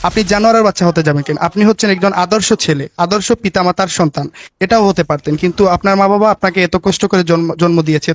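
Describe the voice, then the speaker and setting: A young man delivering a mock-preachy comic rant, lecturing a friend in a rapid, pedantic, moralizing way. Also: high voice, dry recording. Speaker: gamer comedian lecturing a friend.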